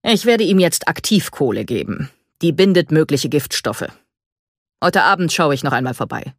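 A woman's voice: low-pitched, animated, moderate pace, no room sound, studio quality. A woman voicing a stern, evasive male veterinarian who speaks in a curt, lecturing way.

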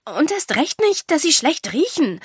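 A woman voicing a vain, excitable teenage girl who talks breathlessly and turns shrill when upset. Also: measured pace, no echo, clean studio sound. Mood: grumbling.

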